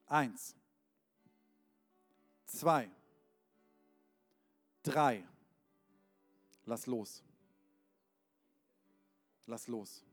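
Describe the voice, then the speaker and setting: A man voicing a calm, reassuring rescuer who calls down from above and speaks steadily and solemnly. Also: medium pitch, drawn-out words, long pauses, pitched below the performer's own voice. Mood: commanding. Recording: long hall reverb, faint band music.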